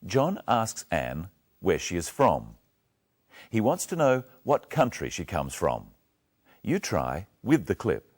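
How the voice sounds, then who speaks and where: A male English teacher giving a patient lesson, speaking clearly and drilling words one at a time. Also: low voice, huge pitch swings, slow. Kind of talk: slow, clear lesson narration.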